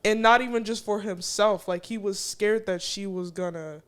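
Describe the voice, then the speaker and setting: A teenage girl co-hosts a casual chat at home, talking in an animated way and acting out quotes. She is from the Chicago area and fills her sentences with fillers. Her pitch sits in the middle. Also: normal speed, clean tone. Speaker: co-host.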